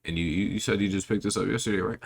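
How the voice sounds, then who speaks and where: A man's voice: low-pitched, very fast, vocal fry, slightly rough, heavily acted. A man voicing a chatty young woman who rambles on a video call, repeating herself breathlessly. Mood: gushing. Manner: breathless, repetitive gushing.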